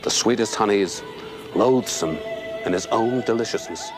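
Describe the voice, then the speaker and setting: An actor playing a solemn, wise older friar, delivering verse in a grave, measured way. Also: male voice, lowish voice, over music, close to an everyday voice. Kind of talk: Shakespeare film dialogue.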